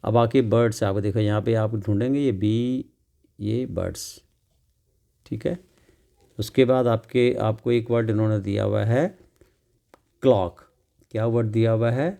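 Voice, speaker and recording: A man tutoring English from a children's workbook, explaining slowly and repeating each word, asking questions and answering them himself. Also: on the low side, fairly even intonation, creaky, warm tone. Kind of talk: classroom lesson explaining a workbook.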